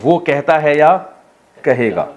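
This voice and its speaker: Lecturing a Quran exegesis class, this man from Pakistan, an Islamic scholar, sounds animated in a voice pitched a little high, and the highs are cut off. He poses questions to the students, supplies the answers himself and trades jokes with them.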